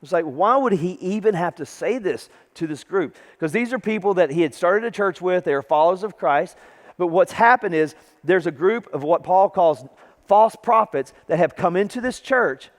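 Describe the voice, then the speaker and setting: A man's voice: high-pitched, expressive, normal speed. A man with a Southern US accent preaching a sermon in a church, talking conversationally and then reading scripture with dramatic emphasis. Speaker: pastor. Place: large church sanctuary. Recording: long hall reverb.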